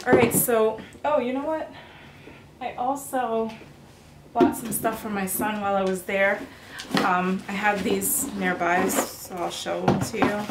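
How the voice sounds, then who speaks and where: Woman, thirties, casual chatty vlog, laughs easily, echoey room, camera mic at a distance. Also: mid-range voice. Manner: chatty, bubbly, laughs often. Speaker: fashion vlogger. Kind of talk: casual haul chat. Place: bedroom or apartment, indoors. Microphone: camera on tripod, mid-distance. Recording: roomy, noisy indoor recording.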